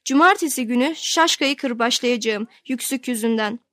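A woman voicing a gruff old grandfather. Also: a little high, moderate pace, fairly bright tone, dry recording, clean studio sound, natural voice. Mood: scolding. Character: stern quick-tempered old grandfather, greying red hair.

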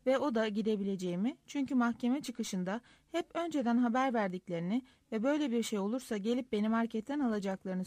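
A woman reads a first-person diary story as an audiobook. Her delivery is lively and expressive, and her voice sits somewhat high. The recording is close and dry. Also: no room sound. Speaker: audiobook narrator.

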